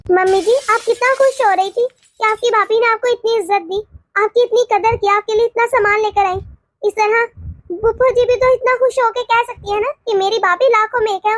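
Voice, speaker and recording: A woman's voice: very high voice, no echo, studio quality. A woman voicing a polite but firm young daughter-in-law in a cartoon, arguing earnestly and respectfully. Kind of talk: cartoon voice acting.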